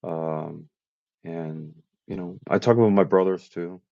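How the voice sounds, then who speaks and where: A man's voice: low-pitched, fairly even intonation, takes it slowly, vocal fry, no echo, phone-quality sound. A man of about fifty from Puerto Rico, a guest in a casual chat, talking at length and listing facts one after another. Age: around 50. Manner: chatty, lists facts at length.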